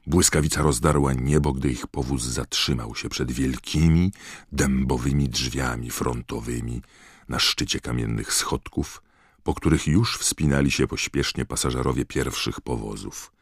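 Very deep-voiced male audiobook narrator. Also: unhurried, husky, no room sound, studio quality.

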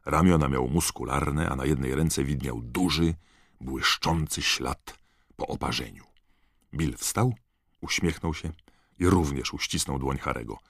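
A man reading a story aloud as an audiobook narrator, expressive and scripted. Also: a bass voice, measured pace, vocal fry, dry recording, studio quality.

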